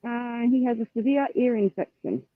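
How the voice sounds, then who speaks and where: A woman with a slightly high voice, speaking at normal speed, calls in to a livestream through earbuds, and the dry, phone-like audio sounds tinny with no echo. She is coming down with a cold and talks in a blunt, dry, weary manner.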